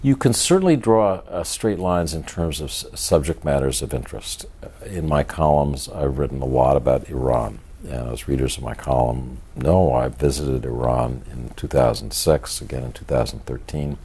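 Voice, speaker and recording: An older man speaking as an author in an interview, in a measured, halting, thoughtful and monotone way. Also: very deep voice, husky. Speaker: author and journalist being interviewed. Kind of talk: reflective interview talk.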